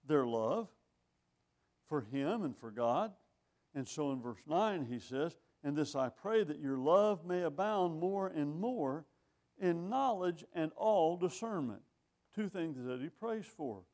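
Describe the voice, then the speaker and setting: An older male preacher with a somewhat high voice delivers a sermon. He talks in a conversational, wry way, reading scripture aloud and asking rhetorical questions. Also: lively intonation, takes it slowly, a little mellow. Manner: reads scripture in older phrasing.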